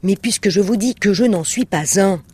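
A bewildered insurance agent, polite but trying to stay firm, as a male reader plays him. The voice is a touch high, earnest and a little flustered. It comes from a storybook reading. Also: moderate pace, slightly rough, no room sound. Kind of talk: audiobook reading.

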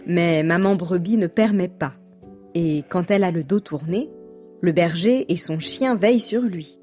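A woman reads a children's story aloud, gentle and unhurried, with a mellow, warm tone. Soft music runs faintly beneath her narration. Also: on the low side.

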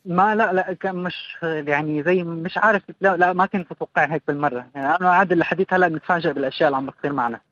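A man's voice: a little high, rapid-fire, fairly bright tone, no echo, dull audio. A man with a Palestinian-Jordanian Levantine Arabic accent chats casually as an interview guest, mixing English words into his speech. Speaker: interview guest, craft project co-founder. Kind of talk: casual radio interview talk.

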